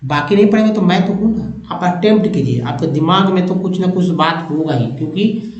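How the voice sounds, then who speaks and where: Guy teaching english reading, spells letters and sounds words out slow, kinda high voice, echoey room. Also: a little mellow, highs cut off. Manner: explains step by step, spells words letter by letter and sounds them out slowly. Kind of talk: Hindi-language English reading lesson.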